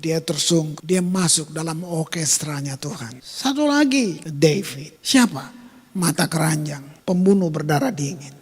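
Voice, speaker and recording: A middle-aged male pastor preaching a sermon in a casual, slangy way, swinging between loud bursts and quiet asides. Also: fairly high pitch, unhurried, breathy edge. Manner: casual Jakarta slang, dramatic swings in loudness.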